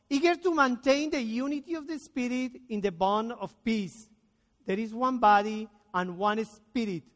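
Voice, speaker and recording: Preaching slowly as a guest in an echoing church sanctuary, this Colombian man, whose first language is Spanish, has a very high, fairly bright voice. His sermon is earnest and deliberate, with scripture read slowly and emphatically.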